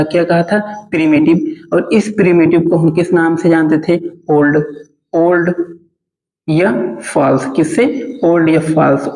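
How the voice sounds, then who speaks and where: High-voiced man teaching with constant repetition. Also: a little mellow, reverberant, rough recording. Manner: asks a question, then repeats the answer again and again. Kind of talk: biology lesson in Hindi.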